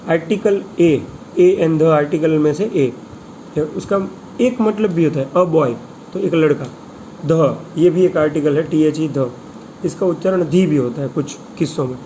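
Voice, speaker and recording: A man teaching an English vocabulary list, reading each word and its Hindi meanings slowly and spelling some out letter by letter. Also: fairly high pitch, warm tone, slight background noise, rough recording. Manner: slow, deliberate, spells words letter by letter.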